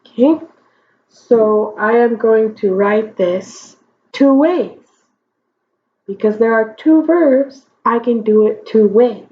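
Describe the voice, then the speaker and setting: Patient language teacher, woman, drawn-out pacing, frequent "okay?" check-ins. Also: on the high side, animated. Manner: slow, deliberate explanations with frequent check-ins. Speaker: Spanish teacher. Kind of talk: whiteboard grammar lesson. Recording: dull lo-fi recording.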